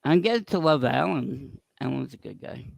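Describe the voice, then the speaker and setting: A man's voice: medium pitch, animated, normal speed, vocal fry, no room sound. A man in casual, rambling chat on a talk show.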